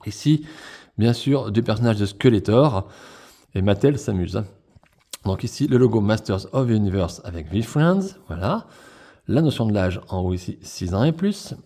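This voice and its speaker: A man chatting enthusiastically through a toy unboxing review, full of fillers and quick self-corrections. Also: fairly low pitch, lively intonation, warm tone. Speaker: toy collector reviewing a figure pack.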